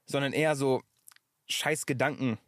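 A man's voice: medium pitch, fairly even intonation, moderate pace, no echo. A man talking in a casual podcast conversation, reflective and sometimes searching for his words. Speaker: podcast guest.

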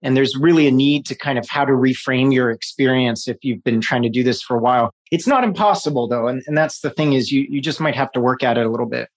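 He talks fast with few pauses, his voice medium in pitch: a New York City guest in his forties chatting loosely in a casual interview. His delivery is rambling, full of restarts and fillers, and he laughs a lot.

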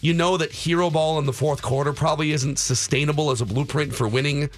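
Gravelly, hoarse American sports talk host. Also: male voice, fairly high pitch, steady tone, fast. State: strained, hoarse voice. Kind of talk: casual sports chat.

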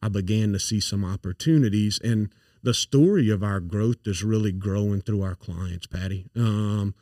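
Earnest and full of fillers and restarts, a forties-aged company founder with a south Louisiana accent chats casually as an interview guest. He has a low, dark voice at a moderate pace, captured in a dry recording a bit far from the mic.

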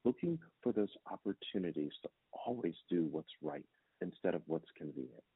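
A man's voice: low-pitched, expressive, moderate pace, husky, no room sound. A man guest who speaks as a motivational speaker, earnest and preachy, posing rhetorical questions. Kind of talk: interview answers. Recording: dry tinny phone-like sound.

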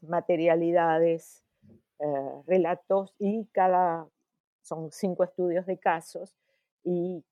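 An older woman with an Argentine accent, an academic guest answering in a podcast interview, thoughtful and full of pauses and restarts. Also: on the low side, dry recording, phone-quality sound. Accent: Argentine Spanish. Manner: slow, thoughtful, many hesitations and restarts.

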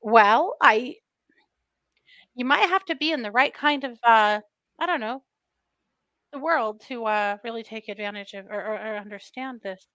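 A woman co-host chats in a fairly high, dry voice, hesitating with plenty of fillers. Her remote call audio is glitchy and keeps cutting out, because her mic sits too far from her. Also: normal speed, long pauses, fairly bright tone, no room sound. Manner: chatty, hesitant with many fillers. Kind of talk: casual podcast chat. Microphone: mic too far away on a remote call.

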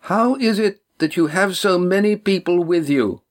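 A man reading a storybook, voicing a stern older woman used to having her own way, speaking in a measured, commanding manner. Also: on the low side, pitched above the performer's own voice, close to an everyday voice.

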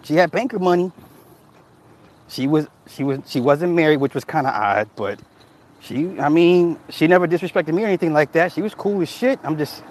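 A man hosts a casual livestream, reading chat comments and telling stories in a loose, profane style, often laughing. His voice is a little high and his speed is normal.

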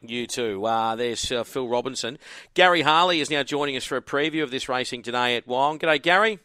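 A man's voice: medium pitch, fairly quick, pushed and bright, smooth, no room sound. An Australian man hosting a live racing radio show, interviewing guests casually on a studio microphone.

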